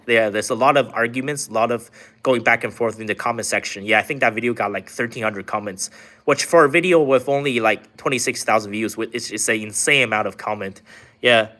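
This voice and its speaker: A man's voice: mid-range voice, pushed and bright. A man from China hosting a casual live stream, reading out chat questions and rambling through answers with lots of filler words. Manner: rambling, filler-heavy talk with many "like"s. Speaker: livestream host reading chat.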